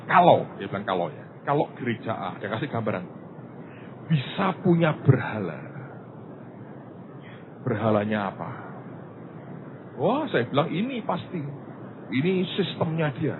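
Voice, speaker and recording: A male pastor from Indonesia preaching a sermon, telling stories with loud bursts and hushed asides. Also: mid-range voice, moderate pace, pauses often. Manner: animated storytelling, swinging between loud bursts and hushed asides. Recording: lo-fi phone-like recording with faint hiss.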